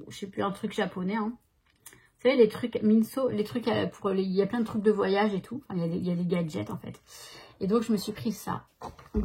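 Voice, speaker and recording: A woman's voice: mid-range voice, a little mellow, husky. A woman chatting casually to her viewers at home, rambling along with many restarts. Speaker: vlogger. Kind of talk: casual vlog chat to viewers. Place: at home by a desk.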